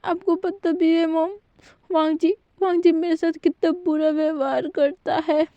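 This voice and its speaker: A woman's voice: sits high, steady tone, a little slow, warm tone, no echo, dull audio, voice pushed up. A woman voicing a tearful, whining young wife. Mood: tearful complaining. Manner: sobbing complaints, pleading.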